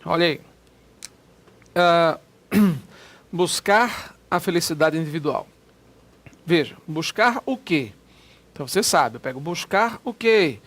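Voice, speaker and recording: Lively high-voiced male grammar teacher. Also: slow pace, long pauses. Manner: lively, repetitive, spelling words out letter by letter. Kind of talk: exam-prep lecture.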